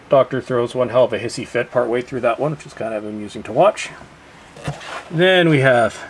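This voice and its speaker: A man giving a casual walkthrough of his collection, chatty, drawing out each title slowly. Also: medium pitch, a little hiss or hum, rough recording. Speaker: collector showing his shelf.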